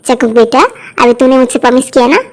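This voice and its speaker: A woman's voice: fairly high pitch, flat delivery, quick pace, darkish tone, voice pushed down, close to an everyday voice. A woman voicing a bossy, scheming old grandmother who scolds and coaxes. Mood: bossy scolding.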